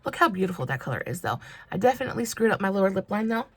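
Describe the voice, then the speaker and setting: A woman's voice: medium pitch, sing-song, very fast, a little hiss or hum. A woman about to turn thirty-one, chatting through a makeup tutorial in a gushing, casual way. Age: 30s. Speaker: makeup vlogger.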